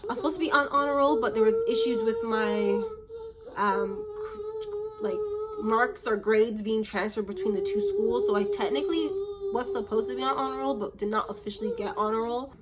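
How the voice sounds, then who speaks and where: A woman's voice: a little high, animated, quick pace. A young woman from Canada telling a story to camera in a casual vlog, chatty and acting out the voices of the people in her story. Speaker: vlogger.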